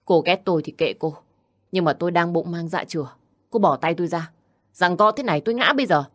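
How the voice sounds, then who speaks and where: A woman's voice: fairly low pitch, a little fast, lightly acted. A woman voicing a pregnant young wife who pleads and defends herself in an audio story. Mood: pleading.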